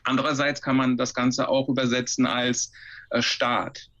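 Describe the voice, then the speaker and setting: A man's voice: medium pitch, level tone, normal speed, a bit bright, dull audio. A man from Ukraine, a historian answering interview questions with many fillers and restarts. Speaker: historian guest.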